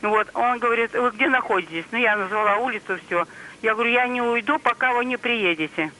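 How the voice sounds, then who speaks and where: A woman's voice: a little high, fairly quick, sharp tone. A woman calling in to a TV show over the phone, telling a personal story earnestly and plainly, acting out the dialogue she retells. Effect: heard over a phone line on air. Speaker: caller to a TV call-in show. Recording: phone call aired on a broadcast.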